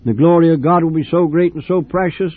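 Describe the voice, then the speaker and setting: An older man preaching a fervent sermon with repeated, drawn-out phrases. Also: fairly high pitch, no echo. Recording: tinny old radio broadcast.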